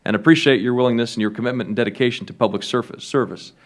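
A man, a senator from Colorado, introducing a witness at a congressional hearing in a halting way, with frequent fillers and restarts. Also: mid-range voice. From Colorado, United States.

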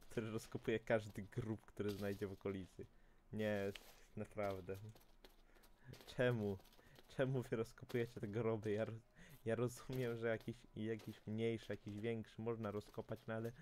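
Low-voiced man chatting through a game. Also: flat delivery, a little slow, darkish tone, a little hiss or hum. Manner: chatty, talks to viewers, frequent self-corrections. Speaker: gaming channel host. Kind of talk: casual let's-play commentary.

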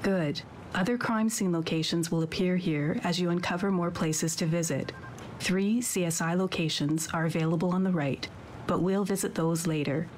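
Low-pitched woman narrating a game tutorial. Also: fairly even intonation, normal speed, slight background noise. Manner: clear-worded, instructional, composed. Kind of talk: scripted video game instructions.

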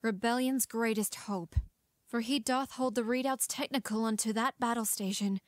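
Woman playing proud Princess Leia, higher-pitched. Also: fairly even intonation, normal speed, no room sound, lightly acted. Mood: sharp, earnest. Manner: formal archaic verse, biting. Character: proud, sharp-tongued young princess and rebel.

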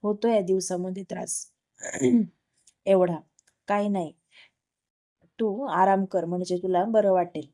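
A woman's voice: mid-range voice, fairly even intonation, takes it slowly, pauses often, warm tone. A woman storyteller voices a kind older mother-in-law who speaks soothingly to her daughter-in-law. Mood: caring.

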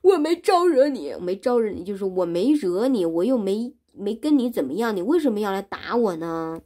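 A woman's voice: mid-range voice, expressive, brisk, dark tone, close to an everyday voice. A woman voicing a pig-like male demon who whines and pleads. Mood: whining. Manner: whining and aggrieved.

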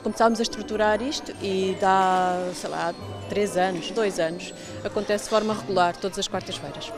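Portuguese woman explaining, higher voice. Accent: European Portuguese. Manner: explanatory, with many fillers. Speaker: community centre coordinator. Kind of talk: interview. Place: large indoor hall with clothing stalls. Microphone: handheld reporter mic.

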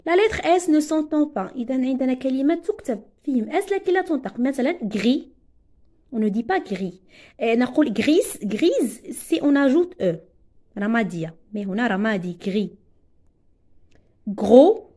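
Moroccan woman teaching french, repeats words slowly, mellow voice. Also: high-pitched. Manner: slow, drawn-out repetition of words for pupils, switching into Arabic to translate. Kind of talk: classroom lesson explanation.

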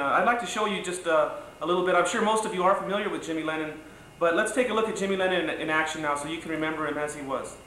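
A middle-aged man hosting a boxing show, giving a halting, conversational tribute to camera in an echoey room. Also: sits high, a bit bright. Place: living room, indoors. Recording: echoey room, faint noise, old video.

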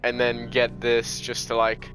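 A man's voice: mid-range voice, monotone, unhurried, fairly bright tone, soft background music. A man giving casual, joking commentary while playing a video game. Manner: laid-back, joking. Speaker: gameplay streamer.

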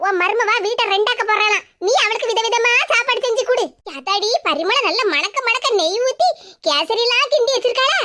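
A meddling older village gossip with a very high, piercing voice and a Tirunelveli Tamil accent, played by a woman. She scolds and sneers with a bright, cutting edge, in cartoon style. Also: a little hiss or hum, heavily acted. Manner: scolding, gossiping, sharp-tongued. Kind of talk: cartoon voice acting.

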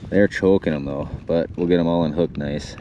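Excitable young man on a windy lake. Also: extremely low pitch, fairly quick, dull audio. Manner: excitable, exclaiming and laughing often. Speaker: fishing vlogger. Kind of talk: excited outdoor vlog chat. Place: outdoors on a frozen lake. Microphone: action camera. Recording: outdoor wind noise on camera mic.

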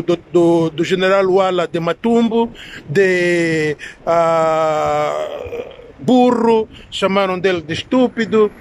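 Standing in an alley next to brick buildings, an Angolan-accented social media commentator in his thirties talks into his phone at arm's length, offering forceful opinions to camera. His voice is high, and he circles back over the same points and stops now and then to find the right word. Traffic and street sounds are clearly audible around him.

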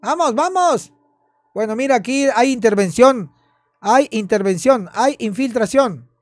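A man's voice: very high-pitched, lively intonation, measured pace, dry recording. A man, a pastor, commenting on a video in a sermon style, emphatic and repeating his phrases.

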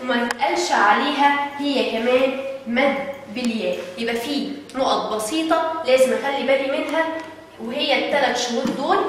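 A woman with an Egyptian Arabic accent teaching young children phonics, sounding out syllables slowly and asking questions she answers herself. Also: sits high, a bit bright, very echoey, big-room sound, recorded from a distance, slight background noise, poor audio. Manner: asks the class questions and answers them herself. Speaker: early-years teacher.

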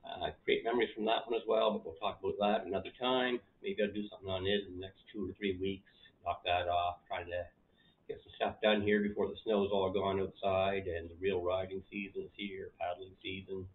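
A middle-aged man in his living room, talking casually to the camera as a channel host, relaxed and rambling, with plenty of fillers. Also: sits low, brisk. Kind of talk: casual vlog talk to camera. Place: living room at home, indoors. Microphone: camera in front of him. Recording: tinny phone-like sound.

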